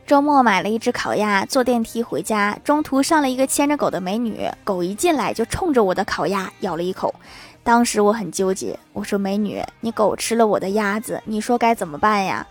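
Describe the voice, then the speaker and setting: A woman narrating short funny anecdotes with deadpan punchlines and wry laughs. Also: mid-range voice, brisk. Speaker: comedic storyteller. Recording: music bed underneath.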